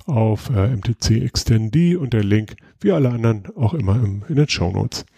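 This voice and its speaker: A man hosting a podcast in casual chat, explaining things in a relaxed way with frequent hesitations and restarts. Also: on the low side, normal speed, vocal fry, breathy edge, no room sound, clean studio sound. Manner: relaxed, explanatory, many filler sounds and restarts. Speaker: podcast host.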